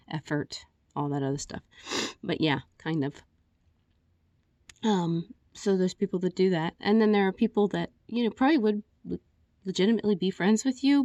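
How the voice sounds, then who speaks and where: Woman, candid rambling video message; slightly out of breath, lower voice, dry and close. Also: mellow, no room sound. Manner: rambling, candid, with frequent restarts and fillers. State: a little out of breath. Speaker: vlogger.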